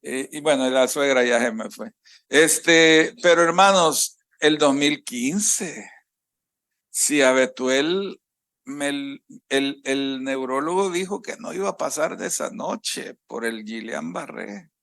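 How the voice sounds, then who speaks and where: A man's voice: medium pitch, lively intonation, slow, a bit bright. A middle-aged man with a Salvadoran accent preaching a sermon as pastor, stretching out scripture readings and calling on the congregation to repeat after him. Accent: Salvadoran Spanish.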